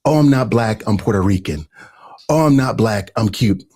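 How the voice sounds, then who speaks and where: A man hosting an earnest, conversational commentary, growing animated as he talks. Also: on the low side, normal speed. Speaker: host. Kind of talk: casual commentary.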